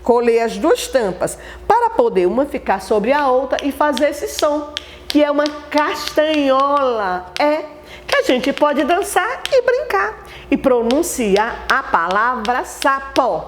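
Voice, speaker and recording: A woman teacher with a Brazilian Portuguese accent, giving a children's TV lesson in an animated, sing-song way and talking straight to the children. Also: sits high, a little slow, slight background noise.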